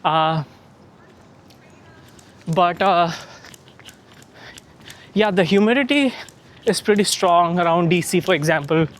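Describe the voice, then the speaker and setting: A man talking casually to his vlog audience while he runs outdoors, with some wind noise in the recording. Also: sits high. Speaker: running vlogger. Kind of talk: casual vlog chat to camera. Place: outdoors on the move.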